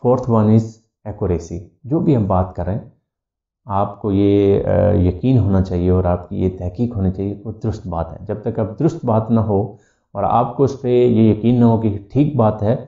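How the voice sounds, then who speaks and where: A man's voice: on the low side, a little slow, vocal fry. A man speaking with an Urdu accent, an educator giving a lecture-style talk that mixes in English terms, with frequent "uh" fillers. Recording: echoey room, dull lo-fi sound.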